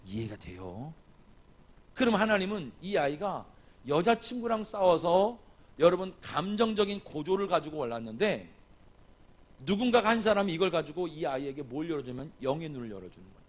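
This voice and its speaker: Male guest pastor at a revival, fairly high, husky voice, animated sermon delivery. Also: normal speed. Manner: animated preaching with questions to the congregation; tells a family story, acting out dialogue. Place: church sanctuary.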